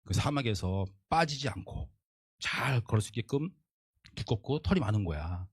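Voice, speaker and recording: A man voicing a patient mother camel who gently explains things to her son in a storybook tale. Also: medium pitch, lively intonation, moderate pace, slightly rough, no echo, clean studio sound, voice pushed down. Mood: reassuring.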